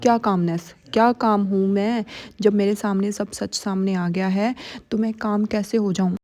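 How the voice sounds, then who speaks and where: A woman's voice: medium pitch, fairly even intonation, moderate pace, natural voice. A woman reading as a furious young man. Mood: angry. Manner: shouting accusations, bitter.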